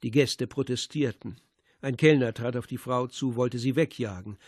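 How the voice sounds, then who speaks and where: A man reading a crime novel aloud as an audiobook, in steady, measured narration. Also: mid-range voice, slightly rough, no room sound, studio quality. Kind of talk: scripted narration.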